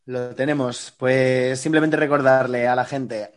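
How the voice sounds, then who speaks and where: A man with a Spain Spanish accent, co-hosting a casual sports podcast, joking and easygoing, hoarse today. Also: medium pitch, fairly even intonation, unhurried. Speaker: podcast co-host.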